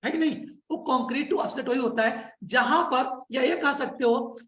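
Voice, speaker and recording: A man's voice: very high-pitched, moderate pace, fairly bright tone. A male teacher giving an informal classroom lecture, asking his listeners rhetorical questions and then answering them himself. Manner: informal, addresses listeners as brother. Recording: echoey room.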